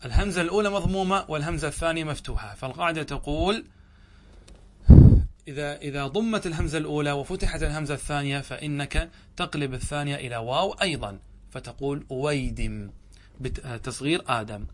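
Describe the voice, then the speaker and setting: In a classroom lesson on a grammar text, this Arabic grammar sheikh speaks with a fairly high, slightly bright male voice. Working slowly rule by rule, he asks questions and supplies the answers himself, drawing out every example word syllable by syllable.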